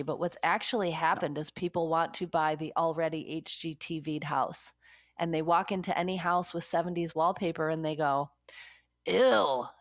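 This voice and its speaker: A woman's voice: low voice, no echo, clean studio sound. A woman podcast co-host chatting bluntly and casually, stuffed up with a cold and a blocked nose. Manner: blunt, swearing. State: sick with a cold. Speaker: podcast co-host, real estate agent.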